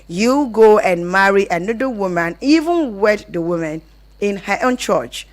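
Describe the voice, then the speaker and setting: Hosting a live radio advice call-in show, a Nigerian-accented woman explains things in a conversational way, rephrasing often. Her mid-range voice is expressive and a little slow.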